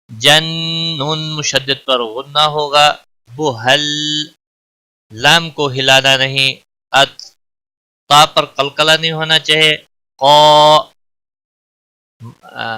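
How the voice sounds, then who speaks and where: A man teaching Quran recitation rules in a recorded lesson, explaining each letter and then reciting it slowly and drawn out. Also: medium pitch, bright, forceful tone, clear, resonant tone.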